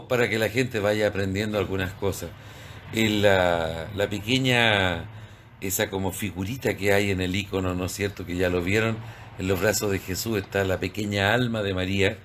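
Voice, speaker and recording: A man's voice: on the low side, moderate pace, a bit bright. A man, a priest hosting a church program, explaining terms and greeting viewers. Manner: explanatory, spells out terms, asks rhetorical questions.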